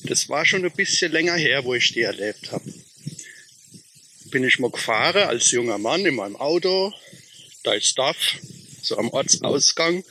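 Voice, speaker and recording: A man's voice: medium pitch, sharp tone, a little hiss or hum. A middle-aged man, telling a story in a chatty, folksy way as podcast host. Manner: chatty, folksy, dialect-laced. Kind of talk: casual spoken storytelling.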